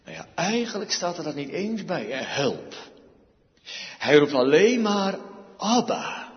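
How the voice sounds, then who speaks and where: A male preacher giving an emphatic sermon, with dramatic pauses and repeated phrases. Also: fairly high pitch, big pitch swings. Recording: dull sound, echoey hall.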